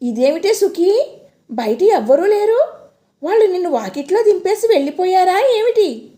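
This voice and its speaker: A woman doing a fussing old grandma. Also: a little slow. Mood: anxious, fussing. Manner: excited, high-pitched questioning. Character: loving elderly grandmother, fussing and anxious.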